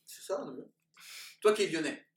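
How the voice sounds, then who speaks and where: A man's voice: on the high side, lively intonation, normal speed, echoey room, over a noisy crowd. A man hosting a casual chat, asking questions and bantering in a teasing, mock-solemn way.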